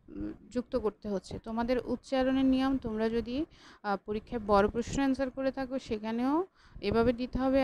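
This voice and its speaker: A woman's voice: fairly high pitch, a little mellow, a little hiss or hum. A female college lecturer giving an online class, patient and repetitive, stopping to correct her own slips.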